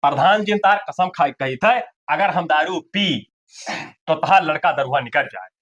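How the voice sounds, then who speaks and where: A man's voice: on the high side, normal speed, fairly bright tone, highs cut off. A man playing a stubborn young village drunkard in a comedy skit, with an Awadhi accent and an argumentative, wheedling manner. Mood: pleading, bargaining.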